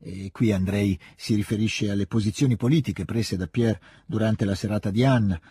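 A man giving a calm, measured scripted reading of a classic novel. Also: on the low side, slightly rough, dry recording, clean studio sound. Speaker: reader. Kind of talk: scripted literary narration.

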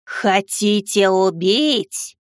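A man voicing a child turned monstrous, making slow, drawn-out threats in an audiobook. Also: high voice, clear, resonant tone, no room sound, clean studio sound, voice pushed up. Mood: menacing. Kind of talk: audiobook reading.

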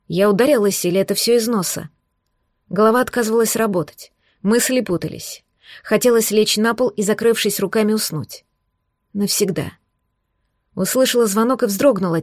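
A woman narrating a first-person audiobook in an expressive, tense storytelling manner. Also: mid-range voice, no room sound, studio quality.

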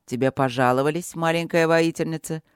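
A narrator voicing a calm dragon blade master who speaks in an unhurried, gently patronizing way. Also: mid-range voice, clear, resonant tone, no room sound, clean studio sound, natural voice.

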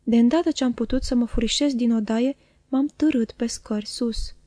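Woman reading a novel aloud, dark-toned. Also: a little high, dry recording, clean studio sound. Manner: calm, even storytelling. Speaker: audiobook reader. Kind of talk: scripted narration of a novel.

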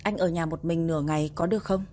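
A stubborn, playful young wife from a romance audiobook teases her husband. A woman reads her in a lowish, warm voice with a soft, mellow tone and an easy, teasing lilt. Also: fairly even intonation, fast talker, slight background noise, lightly acted. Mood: tender.

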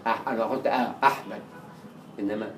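A man with an Egyptian Arabic accent giving a lecture on Arabic writing. He is animated, acts out quoted dialogue and repeats words to drill pronunciation. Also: lowish voice, quick pace. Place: lecture hall. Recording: echoey lecture room with faint hiss.

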